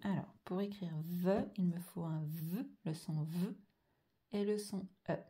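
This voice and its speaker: A woman teaching a slow handwriting dictation lesson, carefully drawing out each sound and letter. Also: fairly low pitch, fairly even intonation, warm tone. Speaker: primary school teacher.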